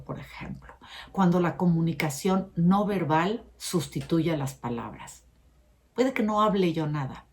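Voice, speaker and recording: Low-voiced woman. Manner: expressive, shifts pitch and pace to stress points. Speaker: educator presenting a short episode. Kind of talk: educational talk.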